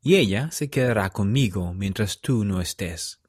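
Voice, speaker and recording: Worried young wife in an audio story, low and dry, read plainly by a male narrator. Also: expressive, moderate pace, a little mellow, husky, no room sound. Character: worried young wife, weak after illness.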